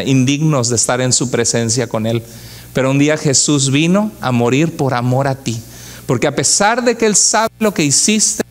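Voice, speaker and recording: A male pastor preaching a sermon with feeling and putting rhetorical questions to his congregation in church. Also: mid-range voice.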